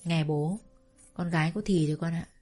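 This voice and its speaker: A woman voicing a gentle older father who earnestly pleads with his daughter, in a family story. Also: deep voice, steady tone, normal speed, soft background music.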